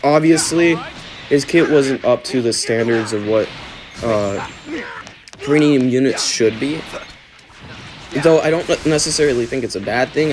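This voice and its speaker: A man's voice: mid-range voice, noisy background. A man livestreaming a video game with casual, slangy frat-bro commentary. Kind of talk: casual live gaming commentary.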